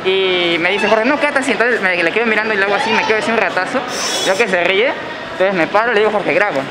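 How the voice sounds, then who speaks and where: A young man rattles off his story at a fast clip, acting out both sides of each exchange. He is recorded on a handheld phone as he walks through a shopping mall. Loud mall noise sits behind his voice the whole time. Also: high voice. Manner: fast, animated retelling with quoted lines. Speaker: vlogger. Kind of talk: casual storytelling. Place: indoor shopping mall and supermarket.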